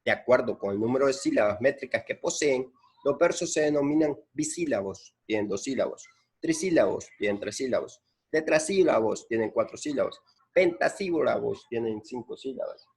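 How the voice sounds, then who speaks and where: A man's voice: medium pitch, lively intonation, moderate pace, a little mellow, slightly rough. A man teaching a lesson, patiently explaining and repeating points and counting syllables aloud. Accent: Central American Spanish.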